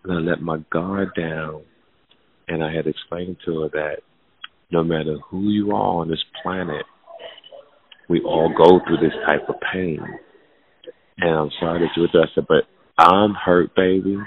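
Blunt, very deep-voiced man on a tinny line. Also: steady tone, unhurried, long pauses. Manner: blunt, profane, emphatic, calls listener "fam"; drops to a hushed, low murmur when telling something painful. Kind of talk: casual podcast chat. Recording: phone-like narrow sound.

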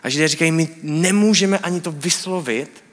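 A man's voice: a little high, fairly bright tone. A man giving a sermon, explaining things in a casual, teaching way with colloquial speech. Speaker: preacher. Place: church hall. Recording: church hall with long reverb.

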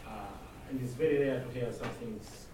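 A man's voice: mid-range voice, steady tone, moderate pace. Distant, echoey man with a Tanzanian accent. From Zanzibar, Tanzania. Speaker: audience member commenting. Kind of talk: seminar comment from the floor. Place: seminar room. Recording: very echoey, distant mic, noisy room.

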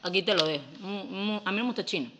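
Bright, lively woman. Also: medium pitch, quick pace, a little hiss or hum. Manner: lively, emphatic, playful slang. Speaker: podcast co-host. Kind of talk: casual chat.

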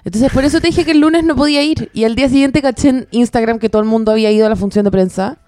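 A woman's voice: fairly high pitch, very fast, mellow, no room sound, studio quality. A woman with a Chilean accent, co-hosting a podcast and bantering back, swearing freely. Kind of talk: casual chat.

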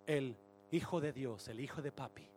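A man preaching a sermon to his church in an animated, joking way, slipping English phrases into his Spanish. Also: medium pitch, moderate pace, a little hiss or hum. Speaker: pastor.

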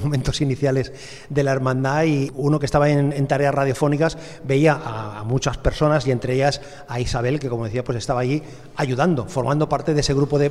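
A man's voice: medium pitch, a little mellow. Formal male radio host, echoey. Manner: courteous, formal, probing questions. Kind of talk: radio interview and narration. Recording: reverberant room.

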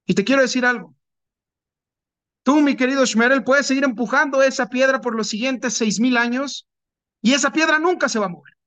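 Gloating evil spirit, mocking, taunting, bright high voice, dry sound, put on by a man telling a parable. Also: normal speed, no echo.

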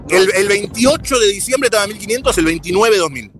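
An Argentine man reporting live on a beach for the radio, talking at a rapid clip in a slightly high voice. He jokes and chats constantly, with faint music running underneath. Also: animated, fairly bright tone. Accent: Argentine Spanish. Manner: joking, fast, chatty, laughs often. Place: outdoors on a beach.

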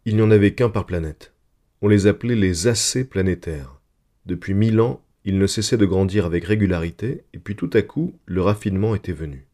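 A man narrating a story in a calm, measured literary reading. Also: fairly low pitch.

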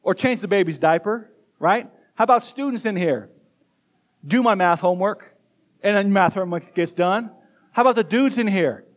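High-voiced man preaching with energy. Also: muffled recording. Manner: energetic, addresses kids and congregation directly, quick bursts. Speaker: pastor. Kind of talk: sermon. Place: church sanctuary.

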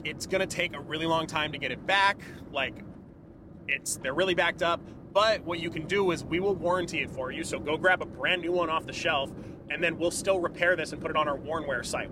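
Fast-talking enthusiastic man in a car. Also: a little high. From California. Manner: enthusiastic, rambling, filler-heavy. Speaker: podcast guest. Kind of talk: casual conversation. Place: inside a car. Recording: road and traffic noise.

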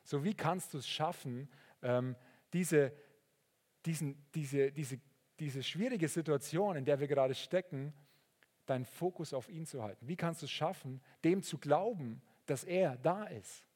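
A man preaching a sermon, earnest and sometimes rising into excited storytelling. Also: fairly high pitch, a little slow. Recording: long reverb of a large hall.

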